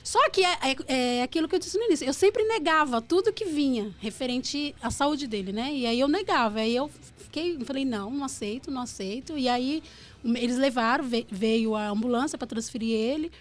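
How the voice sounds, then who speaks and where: A woman's voice: sits high, animated, moderate pace. A Brazilian woman guest telling an emotional personal story in a radio studio, earnest and heartfelt. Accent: Brazilian Portuguese. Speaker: guest, author of a book.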